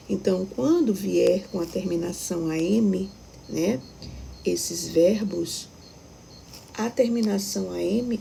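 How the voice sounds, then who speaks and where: A woman's voice: medium pitch, vocal fry, dark tone, slight background noise, rough recording. A Brazilian woman teaching a recorded primary school lesson, patiently explaining step by step and checking that the children follow. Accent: Brazilian Portuguese.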